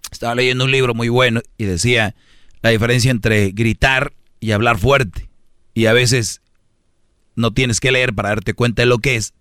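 A man's voice: medium pitch, fairly bright tone, smooth, dry recording, clean studio sound. A man hosting a comedic radio show, joking and giving advice. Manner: joking, lecturing. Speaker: radio host.

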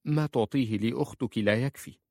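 A man's voice: mid-range voice, fast talker, darkish tone, dry recording, clean studio sound, lightly acted. A man voicing a desperate young mother held captive, begging with breathless urgency. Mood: pleading.

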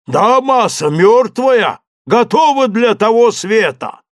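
Storybook part: man doing a timid, sly old servant, high drawling calls, dry close sound. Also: lively intonation, slow pace, no echo. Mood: calling down. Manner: plaintive, wheedling servant talk. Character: old male servant climbing a tree, simple, fearful, sly. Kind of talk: audiobook character voice.

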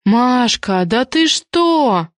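A woman's voice: a little high, expressive, no echo, close to an everyday voice. A woman reading an audiobook and voicing an anxious, stern older woman who manages others. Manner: slow, bewildered then stern.

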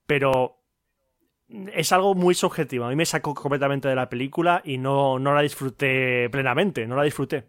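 A man's voice: mid-range voice, normal speed. A man, rambling sheepishly and repeating himself as he gives his opinion on a film in casual podcast chat.

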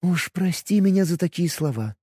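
A man voicing a haughty high-elf rogue woman. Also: expressive, normal speed, warm tone, breathy edge, no echo, clean studio sound. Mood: velvety. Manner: silky, condescending, turns sharply imperious.

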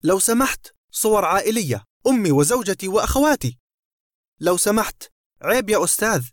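A self-important male academic, voiced by a man narrating a story, stiff and high-minded, who turns to frightened pleading. The voice runs somewhat high and close to the mic. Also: expressive, quick pace, dry recording, close to an everyday voice. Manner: pompous, then pleading.

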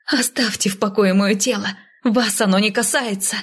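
A woman's voice: mid-range voice, fairly even intonation, moderate pace, a little mellow, husky. A woman voicing a humiliated young captive princess who hisses and snaps her lines through clenched teeth. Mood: hissing furious.

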